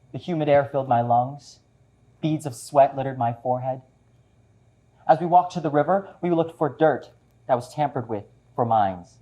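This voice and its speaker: A man playing both parts in a one-man show, here as a refugee father gravely recounting his survival in a measured stage monologue. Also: mid-range voice, dark tone, lightly acted, rough recording.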